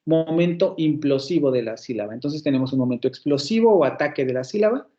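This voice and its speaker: Explaining step by step in an online university phonetics lecture, a man with a Mexican Spanish accent uses fillers and corrects himself as he goes. His voice is on the high side, animated, warm, and quick. The audio sounds dull.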